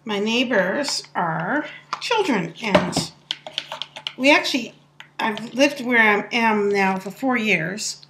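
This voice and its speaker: A woman's voice: medium pitch, expressive, slow, fairly bright tone, slight background noise. A woman telling a funny story in a casual, chatty voice-over, laughing often as she talks. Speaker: soap maker telling a story.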